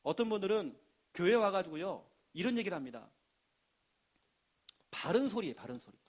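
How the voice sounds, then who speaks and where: A pastor delivering an emphatic sermon in a notably high voice. He drives his points home and slips into the voices of the people he quotes. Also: big pitch swings, moderate pace. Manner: emphatic preaching with acted quotes.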